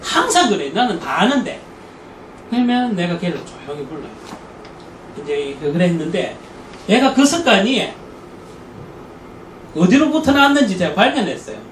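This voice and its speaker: A man giving a church parenting lecture, telling anecdotes in an animated way and acting out the people he quotes. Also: high voice, normal speed, pauses often. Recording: echoey room, distant mic, faint noise.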